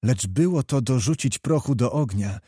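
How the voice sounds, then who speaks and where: A man's voice: medium pitch, expressive, moderate pace, mellow, breathy edge, no echo, clean studio sound. A man voicing an impetuous, hot-tempered young nobleman who pleads with fervent, barely restrained passion in a storybook reading. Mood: fervent pleading.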